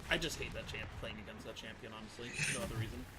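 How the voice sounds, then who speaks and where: A man's voice: lowish voice, very fast, crowd noise, low-quality recording. A young man hosting a gaming video, chatting casually with a friend while he plays and venting in frustrated bursts. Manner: animated, frustrated outbursts, many "like" fillers.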